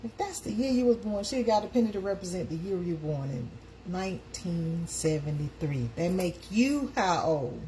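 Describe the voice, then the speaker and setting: A woman's voice: on the low side, expressive, normal speed, few pauses, warm tone, slight background noise. A woman, hosting a casual live chat and calling out to her viewers. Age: 50s. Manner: chatty, calls out to viewers. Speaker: live stream host.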